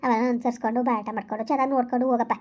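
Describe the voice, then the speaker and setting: A woman playing an elderly village woman with a rural Karnataka accent who sends off the bride in a comedy skit, giving fast, bossy advice and scolding. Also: a little high, steady tone, darkish tone, close to an everyday voice. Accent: rural Karnataka Kannada. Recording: dull lo-fi recording.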